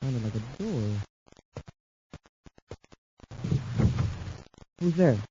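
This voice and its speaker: An actor playing an eager, loyal young space cadet sidekick, earnest and deferential, in 1950s radio serial style. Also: male voice, medium pitch, animated, normal speed, close to an everyday voice. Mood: wary. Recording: muffled, noisy old radio broadcast recording.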